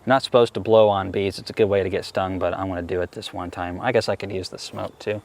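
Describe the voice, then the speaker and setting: A man's voice: low voice, fairly even intonation, fast talker, darkish tone. A man being interviewed as a beekeeper, chatting easily and enthusiastically while he works a hive outdoors. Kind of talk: casual interview answers while working a hive. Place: outdoors at a beehive.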